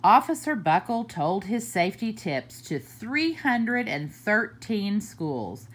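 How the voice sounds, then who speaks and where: A woman with a husky, mid-range voice reads a children's picture book aloud at story time. She goes slowly and deliberately, adding expressive swoops.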